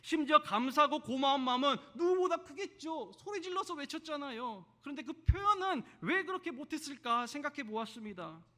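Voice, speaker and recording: Bright, high-voiced male pastor preaching. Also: animated, fairly quick, few pauses. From Jeolla, South Korea. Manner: conversational preaching with rhetorical questions and self-deprecating stories. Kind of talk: sermon.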